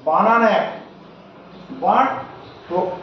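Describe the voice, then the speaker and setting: A man with a high voice teaches at a very slow pace, spelling each word out letter by letter and saying it again and again. He sits back from the mic in a strongly echoing room, and the recording sounds dull and lo-fi. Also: lively intonation, recorded from a distance, a little hiss or hum. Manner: spells words letter by letter and repeats them slowly. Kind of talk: slow spoken lesson.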